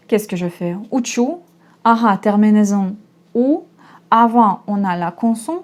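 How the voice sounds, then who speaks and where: A woman's voice: medium pitch, darkish tone. A young woman from Russia, patiently teaching a language lesson and repeating each example. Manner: slow, patient explaining with repetitions.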